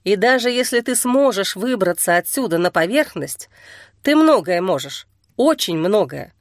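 A woman reading an audiobook and voicing a calm young man who talks slowly and steadily to soothe a frightened girl. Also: medium pitch, no echo, studio quality, lightly acted. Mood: coaxing. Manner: slow, steady, gently coaxing.

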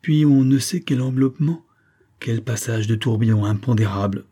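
A man reading a literary novel aloud as audiobook narrator, in a measured style. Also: medium pitch, warm tone, slightly rough. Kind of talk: scripted narration.

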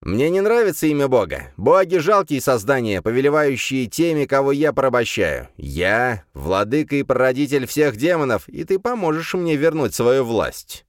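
A man's voice: medium pitch, big pitch swings, moderate pace, few pauses, no echo, studio quality, voice pushed up, close to an everyday voice. A man voicing an ancient, arrogant male demon lord who speaks in a haughty, commanding, scornful way. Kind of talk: audiobook character voice.

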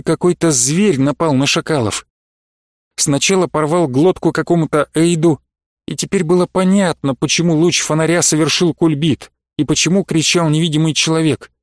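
A man narrating an audiobook in a steady storytelling read. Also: on the high side, no room sound, studio quality. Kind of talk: scripted narration.

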